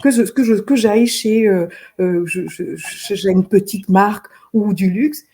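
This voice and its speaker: A woman's voice: medium pitch, unhurried, dark tone, husky. A middle-aged woman from Benin, a fashion designer, talking earnestly in an interview and often repeating words as she searches for them. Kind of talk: interview conversation.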